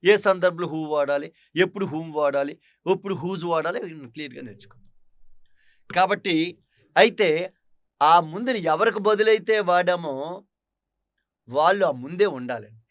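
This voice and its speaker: High-voiced man teaching, dry sound. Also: a little slow, long pauses, no room sound. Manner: explains step by step with frequent rhetorical questions. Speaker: English teacher. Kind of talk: recorded classroom lesson. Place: online teaching studio.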